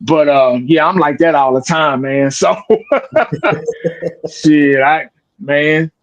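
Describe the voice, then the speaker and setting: A sports video creator in his forties drawls bluntly and profanely, his voice a touch high for a man, rambling and restarting sentences in a loose, casual chat. The speech is extremely slow, and the highs are cut off.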